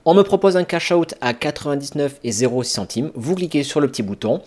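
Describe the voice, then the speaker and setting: A man's voice: fairly high pitch, animated, fairly quick, a little mellow. A man explaining sports trading step by step in a casual tutorial, talking straight to viewers with frequent fillers. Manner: explanatory, addresses viewers directly with fillers like bah and ben. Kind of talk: screen-recorded tutorial walkthrough.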